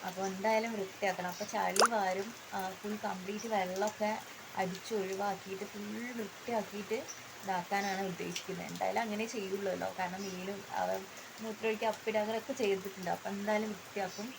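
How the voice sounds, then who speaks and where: A woman's voice: mid-range voice, fairly even intonation, fast, vocal fry, background noise. A woman vlogger chatting casually, explaining step by step what is happening at her home. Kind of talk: casual vlog narration. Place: outdoors at home during heavy rain.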